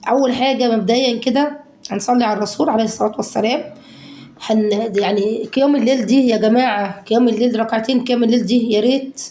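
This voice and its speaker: A woman with an Egyptian accent, hoarse from a cold, chatting fondly to her viewers about a budget week of home cooking. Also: a little high, roomy sound. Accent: Egyptian Arabic. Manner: warm endearments to viewers, acts out their questions.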